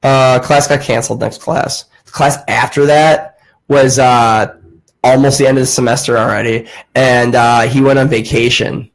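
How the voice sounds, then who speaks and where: A man in his late twenties, with a gravelly, creaky edge to a voice of ordinary pitch, tells a long story in casual podcast chat. He rambles and swears freely, leaning on "like" as he goes. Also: steady tone, moderate pace. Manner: rambling, profane, heavy use of "like". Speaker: podcast host.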